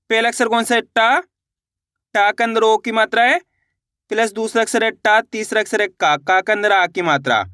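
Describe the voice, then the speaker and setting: A man's voice: high-pitched, sharp tone, dry recording, clean studio sound. A man teaching a reading lesson step by step, patiently sounding out each syllable, repeating it, and checking that the learner follows.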